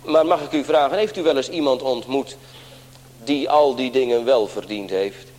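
A man's voice: medium pitch, moderate pace, darkish tone. Man preaching a sermon in a reverberant church. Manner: earnest preaching, often addressing the congregation directly. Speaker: pastor.

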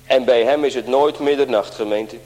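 A man's voice: medium pitch, normal speed, a little mellow. A man pastor preaching an earnest sermon in a church, often turning to address the congregation directly. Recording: long church reverb.

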